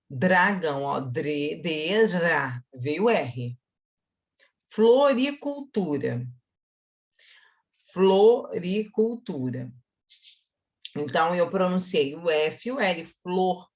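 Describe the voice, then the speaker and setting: A woman teacher with a Brazilian accent giving a grammar lesson to schoolchildren, talking straight to her pupils and slowly sounding out syllables. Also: mid-range voice, muffled recording. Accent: Brazilian Portuguese. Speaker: Portuguese teacher.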